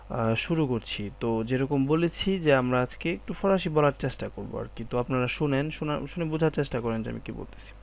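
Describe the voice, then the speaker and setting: A man teaching a spoken French lesson, saying French phrases slowly, then translating and explaining them step by step. He keeps checking that his students follow along. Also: fairly high pitch. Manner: often checks understanding with "ঠিক আছে?" and "d'accord?".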